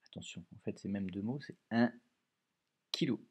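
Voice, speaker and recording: A man teaching, giving a dictation to young pupils, speaking slowly and stressing each dictated word clearly. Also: on the low side, darkish tone.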